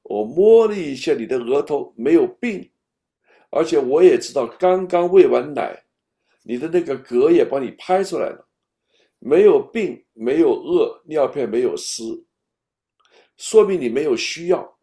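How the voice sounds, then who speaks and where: Animated man with a gravelly voice. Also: on the high side, unhurried. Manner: animated and expressive, at times dropping to a soft whisper. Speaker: parenting speaker. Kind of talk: parenting talk, speaking straight to an imagined baby.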